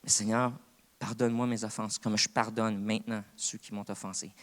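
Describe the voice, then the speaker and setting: A man's voice: fairly low pitch, little pitch movement, moderate pace. A man with a Québécois French accent, preaching a sermon as co-pastor in an earnest, conversational way. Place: church.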